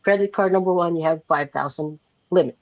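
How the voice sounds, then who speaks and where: Brisk and a bit high in pitch, this young Filipino guest entrepreneur answers interview questions casually, his loose explanations full of "like" and "right?" checks. The highs are cut off, and there's no room sound.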